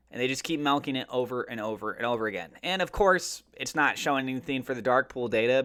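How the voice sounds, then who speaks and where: Speaking casually to viewers about the markets, this man hosts a finance and crypto video in a punchy, colloquial style laced with pointed rhetorical questions. His voice sits on the high side, with a fairly bright, clean tone.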